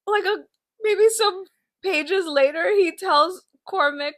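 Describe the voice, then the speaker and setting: Bright, playfully indignant young woman. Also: very high voice, slow. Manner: playfully indignant, quotes and riffs on scenes. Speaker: book podcast co-host. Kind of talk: casual chat.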